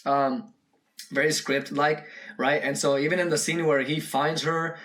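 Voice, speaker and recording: A man's voice: on the high side, steady tone, unhurried, a bit bright. A young man giving casual, rambling reaction commentary on a short horror film, full of fillers and restarts. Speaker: video reactor.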